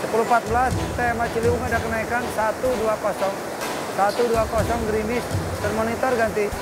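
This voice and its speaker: Woman heard through a two-way radio, reading terse status codes with little pitch movement. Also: flat delivery. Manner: rapid clipped code-style reporting. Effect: two-way radio transmission. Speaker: floodgate radio operator. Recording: loud hiss over a two-way radio.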